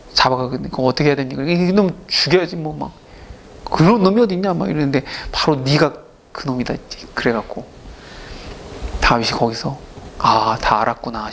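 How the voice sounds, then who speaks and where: A man's voice: medium pitch, slight background noise. A male pastor retelling a Bible story in a casual, chatty sermon, acting out the characters' lines as he goes. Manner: lively, acts out characters' lines.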